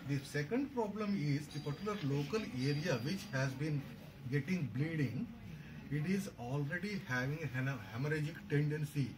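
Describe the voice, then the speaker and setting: A man with an Indian accent teaches step by step in a fairly high voice, mixing English with Hindi. He sounds some way from the microphone in an indoor hall, with clear noise around him. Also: normal speed, far from the mic. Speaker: medical instructor. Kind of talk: hands-on clinical demonstration to a group. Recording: noisy room, picked up from afar.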